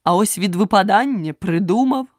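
A woman voicing an eccentric, clumsy male knight in an audiobook, speaking slowly with earnest self-importance. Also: mid-range voice, animated, no room sound, studio quality, close to an everyday voice. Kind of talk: audiobook character reading.

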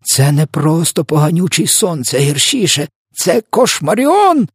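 Brief: man voicing a gentle old giant who twists his words, husky and swinging from hush to high alarm. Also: a little slow, no echo, clean studio sound, exaggerated voice. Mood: wailing. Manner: garbled grammar and made-up words, swings from hushed whisper to shrill wailing. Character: huge kindly old male giant who mangles words. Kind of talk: audiobook character voice.

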